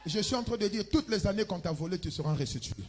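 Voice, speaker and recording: A man with a Congolese French accent preaching a sermon as pastor, with loud emphatic bursts and chanted lines. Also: high-pitched, animated, fast. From Republic of the Congo. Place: church.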